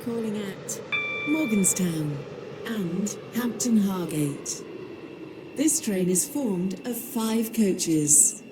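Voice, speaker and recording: A woman's recorded voice making a train station announcement over platform loudspeakers, calm and measured with evenly spaced phrases. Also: medium pitch, big-room sound, noisy background. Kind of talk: recorded public-address announcement.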